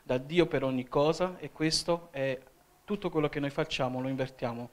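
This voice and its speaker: A man's voice: on the high side, normal speed. A man from Italy preaching a sermon as an evangelist in a church, often calling "Amen?" to the congregation. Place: church hall.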